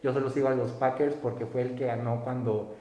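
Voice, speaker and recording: A man's voice: medium pitch, fairly even intonation, fairly quick, dark tone. A young man hosting a casual interview, asking chatty, rambling questions. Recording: roomy echo.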